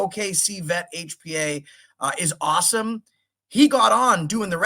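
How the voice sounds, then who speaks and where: A man's voice: a little high, bright, forceful tone. A man hosting a livestream, indignantly commenting on footage and talking directly to his chat. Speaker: livestream host.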